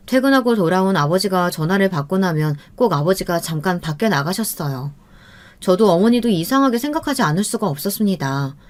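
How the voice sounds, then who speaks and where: Woman in her fifties, steady first-person storytelling narration, even and unhurried. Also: mid-range voice.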